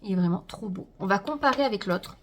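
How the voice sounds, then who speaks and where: A woman's voice: medium pitch, lively intonation, fast talker, slight background noise. A woman chatting casually to her viewers as she unboxes a makeup haul, talking to them directly and trailing off with fillers. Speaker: beauty vlogger.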